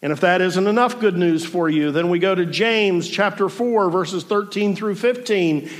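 High-voiced man in his forties preaching. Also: moderate pace. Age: 40s. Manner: reflective, with dry self-deprecating humor. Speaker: pastor. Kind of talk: sermon. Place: room before a congregation.

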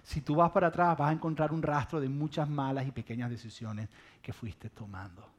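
Sex: man. Role: preacher. Style: sermon. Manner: lively, humorous storytelling. Pitch: fairly high. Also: brisk.

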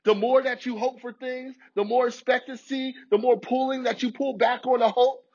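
A man's voice: very high voice, fairly even intonation, moderate pace, darkish tone, highs cut off. A man preaching a sermon with passion, often repeating and restarting his words. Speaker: pastor.

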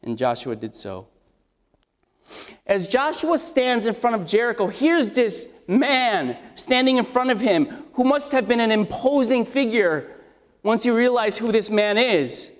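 A man with an extremely high, scratchy voice preaches an expository sermon, very animated yet a little slow, speaking conversationally and putting questions to the congregation. Long hall reverb surrounds the recording.

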